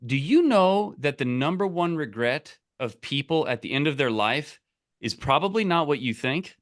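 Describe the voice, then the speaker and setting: On a call, a man coaches in a casual, emphatic, direct and salesy way, explaining, giving example scripts and often checking in with the listener. His voice is fairly high-pitched and animated at a moderate pace.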